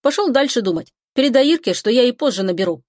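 A woman's voice: a little high, lively intonation, fast, a little mellow, no room sound, pitched above the performer's own voice, natural voice. A woman reads a clever young man who talks in a breezy, matter-of-fact way, voiced lightly and a little above the narration. The recording is dry and close. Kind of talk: audiobook character voice.

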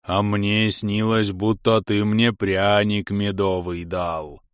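A man's voice: fairly low pitch, flat delivery, slow, smooth, no echo, clean studio sound. A man voicing a simple-minded male house spirit servant who drawls and pleads. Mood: drawling.

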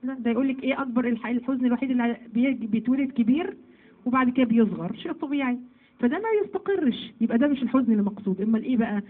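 A woman with an Egyptian Arabic accent teaching a Quran commentary lesson to women, lively and asking then answering her own questions. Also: fairly high pitch, very fast, narrow, tinny audio. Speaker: religious teacher.

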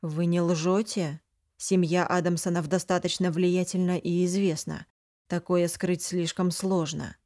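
A woman's voice: fairly low pitch, measured pace, no echo, studio quality. Woman reading a cold, stern duke-mage. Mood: measured. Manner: calm, cold, interrogating. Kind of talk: audiobook character reading.

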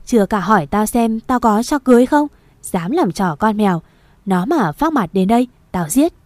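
A harsh village father who shouts and threatens his grown daughter in a fast, raging storybook voice, as a woman reader puts him on. The tone is mellow and dark, recorded dry and close. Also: medium pitch, lively intonation, no echo, lightly acted. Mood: furious. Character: harsh angry village father, middle-aged man.

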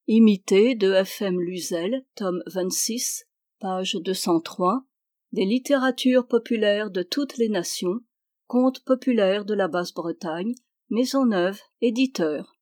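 Woman narrator, audiobook reading, fairy tale, measured, even, mid-pitched. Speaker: audiobook reader.

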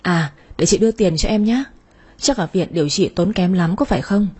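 A woman's voice: on the low side, animated, moderate pace, darkish tone, husky. A woman voicing a kind, generous female company director who speaks in a caring, motherly way in an audio story.

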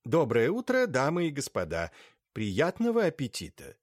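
A man voicing a courteous aristocratic baron who speaks in a measured, deliberate way. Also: medium pitch, huge pitch swings, dry recording, studio quality, voice pushed up. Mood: grave.

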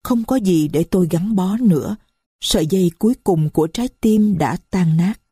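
A woman's voice: lowish voice, normal speed, warm tone, husky, dry recording, clean studio sound. A woman narrating a first-person story in a somber, grieving, reflective way.

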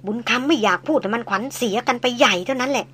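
A woman's voice: a little high, rapid-fire, fairly bright tone, breathy edge. A woman voicing a blunt, jovial old male jungle hunter who talks in coarse folksy speech. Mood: worried confiding.

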